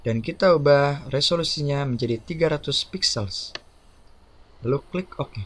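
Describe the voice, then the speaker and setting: Man calmly narrating a software tutorial. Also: fairly high pitch, normal speed. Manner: steady step-by-step instructions. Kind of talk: screen-recorded software tutorial voice-over.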